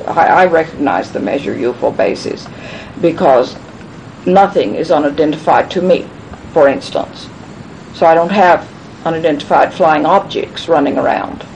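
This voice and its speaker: At a gathering, a woman answers questions in a rambling, emphatic, conspiratorial talk, repeating phrases and restarting sentences. Her tone is darkish, and the low-quality recording has a low rumble in the background.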